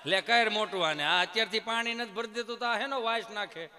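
A man, telling jokes in an animated way as a stand-up comedian on a temple stage. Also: high-pitched, brisk, a little hiss or hum. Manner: animated storytelling.

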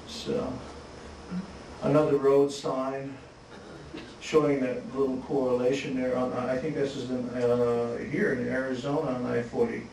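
A man presenting his photographs at a symposium, talking in a relaxed, halting way with many restarts and chuckles. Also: mid-range voice, gravelly. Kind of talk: slide talk at a symposium. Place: museum lecture hall. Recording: echoey hall, distant mic, faint hiss.

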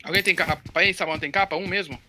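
A Brazilian man streaming a shooter game, chatting excitedly with teammates and often swearing and shouting. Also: sits high, quick pace. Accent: Brazilian Portuguese. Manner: excitable, swears a lot, yells when frustrated. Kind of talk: casual gaming chat with teammates. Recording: noisy game audio behind the voice.

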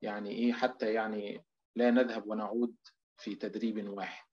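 A middle-aged man teaching Quranic recitation in an online lesson, explaining step by step and stretching example words out slowly. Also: on the low side, little pitch movement, lo-fi sound.

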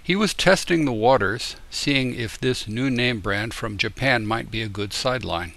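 An older man from the United States reading a letter aloud in a deliberate, explanatory way. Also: mid-range voice, vocal fry, fairly bright tone. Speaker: tutor and YouTuber.

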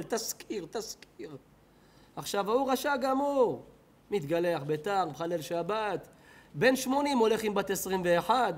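A rabbi with an Israeli Hebrew accent preaching in a synagogue hall. His voice sits high for a man. He swings from loud, excited cries down to low murmurs. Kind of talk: sermon to a synagogue audience.

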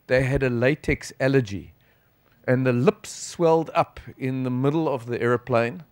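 The speaker is a middle-aged South African sports physician lecturing at a conference, his medium-pitched voice recorded dry through a lectern microphone. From the lectern on the hall's stage he talks conversationally and emphatically, gesturing animatedly and pausing for emphasis.

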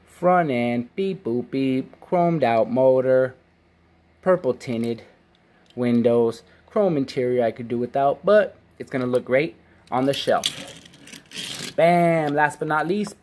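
A man in his forties hosts a casual collector vlog from his basement room, reviewing diecast cars with easy enthusiasm. His voice sits in a middle pitch, and he breaks into playful beep-boop sound effects as he goes. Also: a little mellow. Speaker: diecast collector channel host.

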